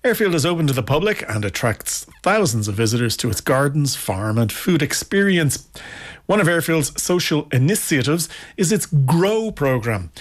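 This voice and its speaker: A man presenting a radio magazine programme, his voice sitting a little high for a man. He reads the links at a measured, even pace, introducing items and questioning the reporter.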